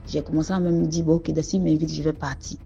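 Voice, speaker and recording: A woman's voice: deep voice, little pitch movement, fast, gravelly, dark tone, slight background noise. A woman with a Cameroonian French accent tells a personal story in a casual, rambling way, often restarting her sentences. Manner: conversational, rambling with restarts and addressing the host. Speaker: caller telling a personal story. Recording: muffled lo-fi audio with music behind. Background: faint background music.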